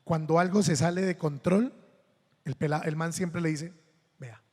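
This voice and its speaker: A man's voice: a little high, steady tone, moderate pace, a little mellow, in a large hall. A Colombian man, a priest giving a sermon, telling funny anecdotes and acting out the voices of the people in them. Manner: anecdotal, humorous, acts out quoted voices.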